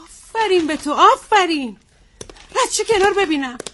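A woman's voice: extremely high pitch, expressive, sharp tone, slight background noise, exaggerated voice. An actress playing a screenwriter wife who nags her husband indignantly. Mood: nagging. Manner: nagging, indignant.

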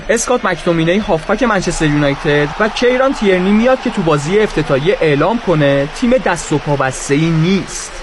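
A male sports news reporter reading a scripted report in a brisk, formal way. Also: high voice, background noise.

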